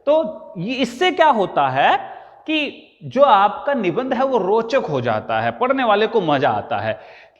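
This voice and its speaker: A male teacher giving a grammar lesson to a class, dictating his points slowly, word by word. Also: high voice, long reverb tail, highs cut off.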